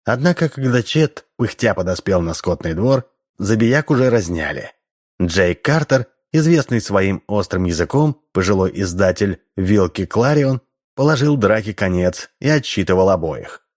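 A man's voice: lowish voice, very animated, normal speed, a little mellow. A man reading a story aloud as narrator. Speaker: audiobook narrator. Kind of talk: scripted narration.

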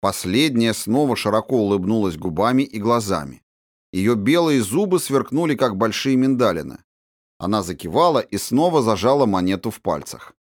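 Reading an audiobook in a lively storytelling style, this narrator has a lowish voice and speaks at normal speed. The sound is clean studio quality, free of room sound.

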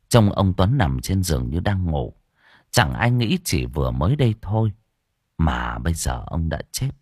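A man narrating an audio story with expressive storytelling on a close mic. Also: low-pitched, breathy edge, no echo.

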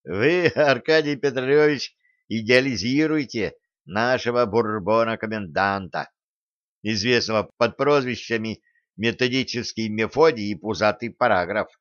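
A man's voice: fairly low pitch, a little slow, a bit bright, dry recording. A man voicing a jovial, brash staff captain who banters in old-fashioned courtly speech, on a dry, slightly dull recording. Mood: boisterous.

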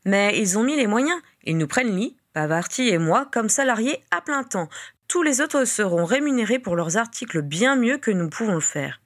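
A woman's voice: fairly high pitch, very animated, normal speed. A woman reading the part of a young witch journalist who lays out the facts plainly. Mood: informative.

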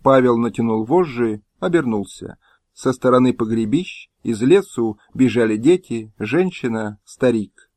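A man reading a historical audiobook in measured storytelling narration, recorded at home on a close mic. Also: medium pitch, animated, darkish tone, dry recording. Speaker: audiobook reader. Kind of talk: scripted narration. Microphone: close, dry home recording.

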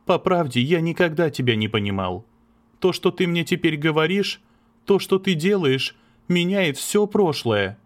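A man's voice: on the high side, animated, normal speed, voice pushed up, lightly acted. A man voicing an anxious, lovesick young man who pleads earnestly, in an audiobook. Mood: pleading. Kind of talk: audiobook character reading.

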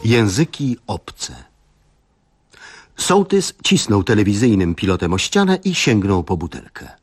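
Husky male storyteller, wry delivery. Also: lowish voice, big pitch swings, unhurried, soft background music. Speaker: narrator of a comic story. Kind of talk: comic story reading.

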